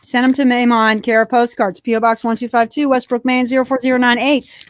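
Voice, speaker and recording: Woman, co-host, casual live-stream chat, reads postcards, slightly high-pitched. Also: flat delivery, brisk, no echo, poor audio. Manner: chatty, reads postcards aloud, laughs easily.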